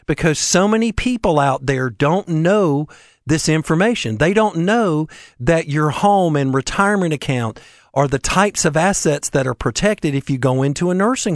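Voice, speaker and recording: Higher-voiced man explaining, dry studio sound. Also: animated, moderate pace, no room sound. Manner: emphatic, repeats key points in numbered lists. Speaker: elder law attorney, radio show speaker. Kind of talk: explanatory educational radio talk.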